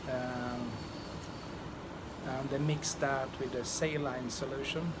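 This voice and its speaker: A man with a Swedish accent giving a casual, rambling vlog update in a halting, hesitant way. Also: mid-range voice, level tone. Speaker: vlogger. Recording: loud outdoor ambient noise.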